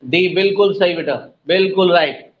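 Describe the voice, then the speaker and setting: A man teaching an online exam-prep class, drawing words out slowly syllable by syllable and calling his students "beta", with an Indian English accent. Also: sits high. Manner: slow, drawn-out spelling of words, addresses students as "beta". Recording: dull lo-fi audio with faint noise.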